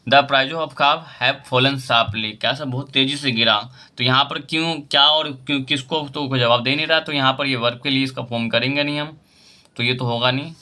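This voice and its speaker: Bright-voiced male teacher explaining. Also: medium pitch, steady tone, fast. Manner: explains with repeated questions and examples. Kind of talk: grammar lesson.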